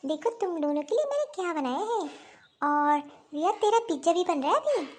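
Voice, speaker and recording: A woman voicing an aunt who serves snacks to children in a cheerful, hospitable way, for an animated story. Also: very high voice, a little fast, pitched below the performer's own voice. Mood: friendly. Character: sweet-talking aunt serving snacks.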